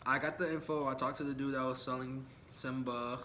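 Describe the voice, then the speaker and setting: A young man tells stories in a relaxed, slangy way, wandering off track and chuckling as he goes. He sits at a medium pitch. There is steady background noise in the room. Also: a little fast. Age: young adult. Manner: laid-back, slangy and rambling, laughs often. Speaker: vlogger. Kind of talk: casual story time chat.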